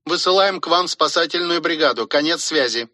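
A man voicing a calm male mission controller on the radio in an audiobook, giving slow, measured replies. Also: fairly high pitch, dry recording, studio quality, pitched above the performer's own voice.

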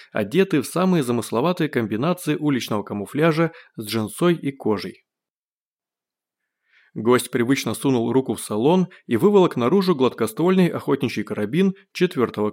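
A man narrating an audiobook with expressive, wry storytelling. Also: medium pitch. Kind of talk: scripted narration.

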